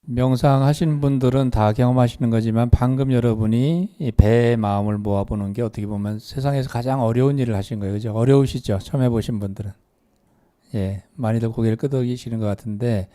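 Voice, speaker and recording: A man's voice: mid-range voice, dark tone. A man lecturing a live meditation class, asking the audience questions and leading them through exercises. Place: meditation hall.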